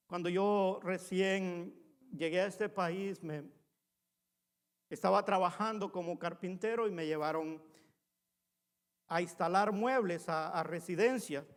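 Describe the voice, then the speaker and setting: A male pastor delivers a sermon in a church sanctuary, speaking in a fairly high register. He talks earnestly and conversationally, often calling his listeners brothers as he tells personal stories. His voice rings out with a long hall reverb.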